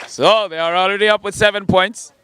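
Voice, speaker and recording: A man's voice: high-pitched, fairly even intonation, a little fast, sharp tone, slight background noise. A man hosting a game show in a playful, chatty presenting style.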